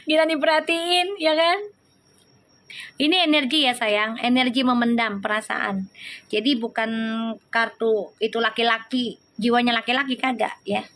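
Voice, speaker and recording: Chatty high-voiced woman tarot reader. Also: normal speed, long pauses, fairly bright tone. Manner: chatty and teasing, answers viewers' comments, laughs often. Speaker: tarot reader hosting a live stream. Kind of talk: casual live-stream tarot reading and chat.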